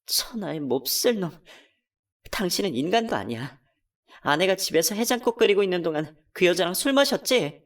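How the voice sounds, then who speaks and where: A woman's voice: expressive, normal speed, recorded from a distance. A woman playing a betrayed, furious wife. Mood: angry hurt. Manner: emotional, accusing, pitch climbing when upset. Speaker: narrator and voice actor. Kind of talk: first-person radio drama narration.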